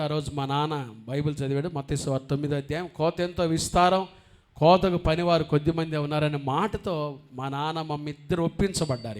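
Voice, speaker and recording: A man preaching as a pastor, asking his congregation questions and moving between quiet talk and loud preaching. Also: on the high side. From India. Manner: swings from quiet, conversational asides to loud, impassioned preaching; asks the congregation questions directly. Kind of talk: sermon. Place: church.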